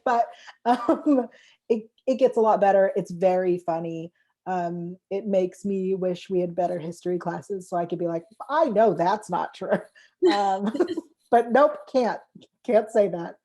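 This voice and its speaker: A woman's voice: medium pitch, steady tone, moderate pace, mellow. A woman panelist in a casual discussion, frank and full of ums, airing complaints with a laugh.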